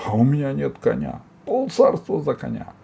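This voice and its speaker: A man voicing a bold, blustering male hero with a gruff, boastful manner. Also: mid-range voice, big pitch swings, normal speed, dark tone, a little hiss or hum, pitched above the performer's own voice.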